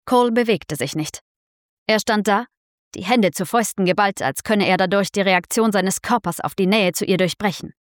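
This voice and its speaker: A woman narrates a story in a measured, deliberate way, lingering on phrases for dramatic weight. Her voice sits in a middle register. The recording is dry and close, with no room sound. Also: mid-range voice, no room sound. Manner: slow, measured, dramatic reading. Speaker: audiobook narrator. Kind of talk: scripted narration.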